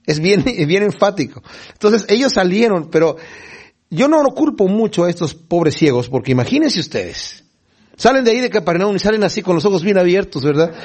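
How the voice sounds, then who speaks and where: Male preacher, high-pitched, lively delivery; acts out the scenes in quick voices. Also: breathy edge. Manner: animated storytelling, acts out scenes in little voices. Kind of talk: sermon.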